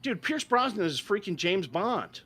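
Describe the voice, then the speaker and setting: On a movie-review podcast, a middle-aged male co-host rants with emphasis and keeps asking "right?". His voice is high and sing-song, a little slow, pushed and bright, with a breathy edge.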